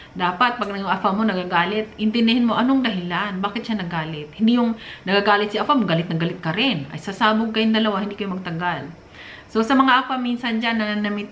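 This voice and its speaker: A woman's voice: mid-range voice, a bit bright. A middle-aged woman from the Philippines giving casual relationship advice in a chatty, preachy manner, with frequent fillers and little laughs. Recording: roomy room with faint noise.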